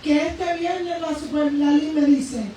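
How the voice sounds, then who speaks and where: A woman preacher giving a fervent testimony in a sermon, emphatic and swinging between raised and hushed speech. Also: high voice, steady tone, slow. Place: church sanctuary. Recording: very echoey church hall, voice from far off, faint noise.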